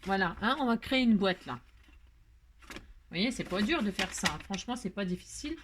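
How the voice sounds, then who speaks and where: A woman's voice: medium pitch, animated, moderate pace, background noise. A woman hosting a crafting tutorial, talking casually step by step, self-mocking and checking in with the viewer often. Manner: chatty, self-mocking, asks "hein?" and "d'accord?" often.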